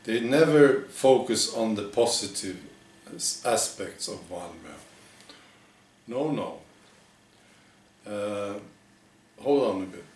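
A man in his forties presenting a parody news monologue in a deadpan, halting, mock-earnest way. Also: fairly low pitch, slight background noise. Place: living room with bare walls, indoors. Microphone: camera a few metres away. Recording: echoey room, distant microphone.

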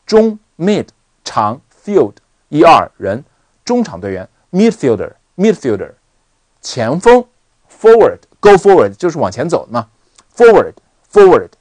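A man teaching an online English lesson, drilling words by repeating them in an animated way. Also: fairly high pitch, dry recording.

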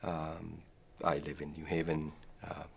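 Deep, gravelly-voiced man from Pakistan. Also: completely flat delivery, slight background noise. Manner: thoughtful, many ums and pauses. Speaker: guest, professor. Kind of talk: academic interview. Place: dark studio set, seated.

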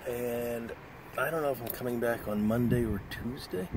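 At a moderate pace and medium pitch, a man in his fifties vlogs to a dashboard-mounted camera as he drives. His talk is casual, relaxed and rambling with many fillers, while car and road noise runs loud.

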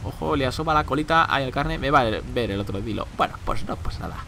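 A young gameplay commentator narrates his play in a bright, animated voice that swings widely in pitch, talking quickly with some creak. Chatty and exasperated, he swears and exclaims at his bad luck, while a faint hiss runs under the desk-mic recording.

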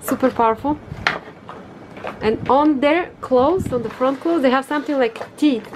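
A woman with a Bulgarian first language chats excitedly to the camera outdoors on a sailing boat. Her voice sits a little high, and steady background noise runs under the recording. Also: moderate pace. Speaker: vlogger, sailor. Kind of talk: casual explaining to camera.

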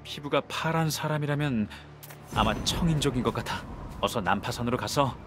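An actor playing a reassuring, resolute young adventurer in a game. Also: male voice, medium pitch, moderate pace, music in the background, lightly acted. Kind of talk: Korean game character acting.

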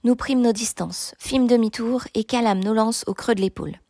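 A woman narrating a novel in the first person, with steady, measured storytelling. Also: a little high, dry recording, studio quality. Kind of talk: audiobook reading of a novel.

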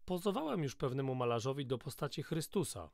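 A man's voice: medium pitch, expressive, fairly quick, vocal fry, darkish tone, dry recording, clean studio sound. A man reading a novel aloud, voicing a ragged, hungover young man who mumbles in a dazed way.

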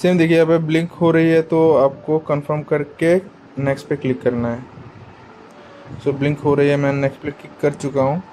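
A man's voice: a little high, little pitch movement, fairly quick, darkish tone, a little hiss or hum, rough recording. A man giving a casual how-to product demo, chatty and explanatory, talking straight to his viewers. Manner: chatty and explanatory, often addresses the viewers as guys. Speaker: product reviewer.

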